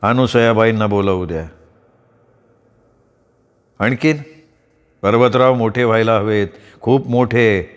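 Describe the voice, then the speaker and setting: A man voicing a brooding middle-aged village landlord who speaks in steady, measured tones. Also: on the low side, clean tone, voice pushed down. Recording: long reverb.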